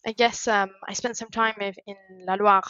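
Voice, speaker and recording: A woman's voice: medium pitch, level tone, normal speed, sharp tone, lo-fi sound. A woman from Spain chatting as an interview guest, telling stories with lots of fillers and acted-out quotes. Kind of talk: casual interview chat.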